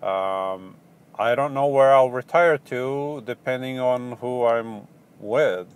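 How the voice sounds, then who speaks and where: His voice is mid-range, clear and resonant, with a Portuguese accent. As a van-life vlogger in a casual live Q&A, he answers viewers haltingly, rambling through ums and restarts.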